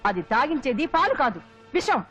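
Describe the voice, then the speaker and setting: An actress playing a scheming, sharp-tongued middle-aged mother who curses and scolds. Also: sits high, big pitch swings, a little fast. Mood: bitter scolding. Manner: scolding, cursing, melodramatic. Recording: dull film audio with music.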